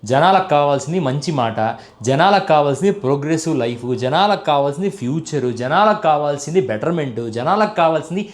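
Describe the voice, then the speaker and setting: Man, sarcastic political rant, combative, rhetorical questions, fairly high voice. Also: lively intonation, brisk. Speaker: political commentator. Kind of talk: political monologue.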